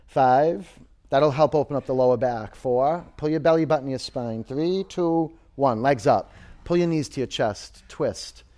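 A man with a mid-pitched voice leads a vinyasa yoga class at a very unhurried pace. He gives short, plain commands and calls out rep counts as an instructor would. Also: warm tone.

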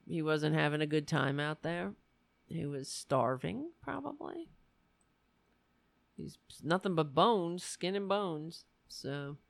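A woman hosting a live stream, chatting casually and haltingly as if thinking aloud. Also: low-pitched, creaky, no echo. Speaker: host of a political live stream. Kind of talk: casual livestream chat.

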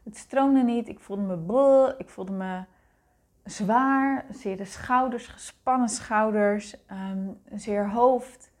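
A woman hosting a solo podcast, talking in a gentle, searching way with many restarts. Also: fairly high pitch, slow. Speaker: podcast host. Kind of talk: reflective solo podcast talk.

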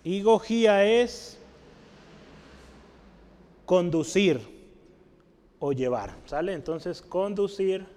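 A man leads a Bible study, his voice sitting high. He breaks words into their roots and keeps checking that the congregation follows. The sound carries a long reverb, as in a hall. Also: a little mellow. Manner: asks the audience questions often, tag questions like "¿sale?"; explains word roots slowly, writing on a board. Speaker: Bible teacher.

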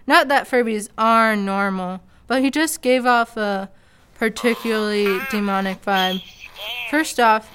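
A woman's voice: on the high side, fairly bright tone, smooth. A woman narrating a comedic story in a casual, sarcastic way. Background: faint background music.

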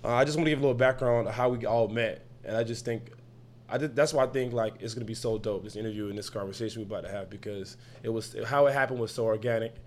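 Young male host, loose slang-filled banter, quick laughs, mid-range voice. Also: mid-range voice. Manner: lively, laughs often, trails into restarts. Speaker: podcast host. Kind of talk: casual slang-heavy chat.

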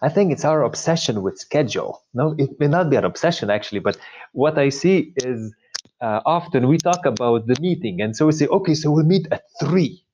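Slovenian-accented male priest, interview guest, halting delivery, muffled remote sound. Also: mid-range voice, expressive, a little mellow, slight background noise. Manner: hesitant, many filler pauses. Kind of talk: interview conversation.

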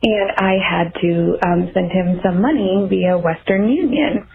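A woman's voice: lowish voice, unhurried, vocal fry, a little hiss or hum. A woman leaving a casual voicemail for a show, telling a rambling, friendly story. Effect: phone voicemail. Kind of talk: casual chatty anecdote. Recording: tinny phone-line voicemail.

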